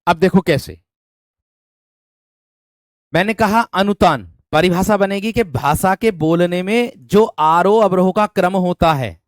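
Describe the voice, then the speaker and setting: In an online exam-prep class, a man with a high voice speaks slowly, drilling students by repeating questions, calling them "my friend," and requesting thumbs up. There is no echo.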